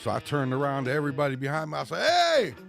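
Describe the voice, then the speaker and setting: A man co-hosting a casual podcast, a rambling storyteller who laughs often and shouts out the lines he quotes. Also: medium pitch, little pitch movement, racing, vocal fry, faint music behind. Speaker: podcast co-host. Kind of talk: casual chat.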